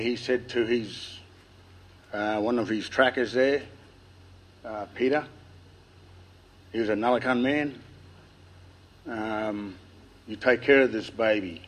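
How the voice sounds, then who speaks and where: A man with an Australian accent and a lisp tells family history informally to listeners, nervous and halting, with a dry mouth. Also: lowish voice, fairly even intonation. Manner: nervous, halting delivery with long pauses. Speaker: speaker telling family history. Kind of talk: informal public speech, oral storytelling.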